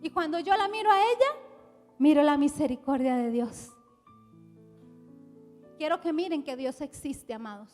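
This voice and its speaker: A Costa Rican woman pastor preaching a sermon with passion, rising from soft to loud. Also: extremely high pitch. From Costa Rica. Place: church hall with worship music. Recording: live church hall reverb.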